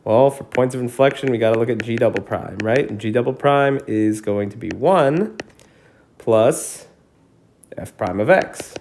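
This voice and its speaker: A man teaching calculus in a casual screencast lesson, thinking out loud and checking in with his students, coughing now and then. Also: medium pitch, unhurried, a little hiss or hum. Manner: casual, thinks aloud with frequent "right?". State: coughing repeatedly. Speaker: math teacher. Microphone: screencast recording mic.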